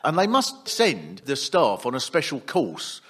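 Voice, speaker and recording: A man's voice: mid-range voice, huge pitch swings, measured pace, a bit bright, breathy edge. A man on a comedy panel, ranting in an exasperated, mocking way. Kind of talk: comic riffing.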